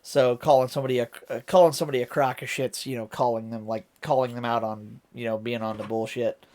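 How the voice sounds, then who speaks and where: A man's voice: medium pitch, fairly even intonation, quick pace, a little mellow. A man from Ohio with an American accent, hosting a reaction video and explaining lyrics in a casual, rambling way as he thinks aloud. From Ohio, United States.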